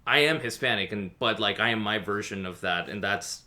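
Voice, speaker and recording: A man's voice: fairly low pitch, brisk, pushed and bright. A man hosting a casual interview, hesitant and thoughtful, with lots of fillers. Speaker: interviewer host.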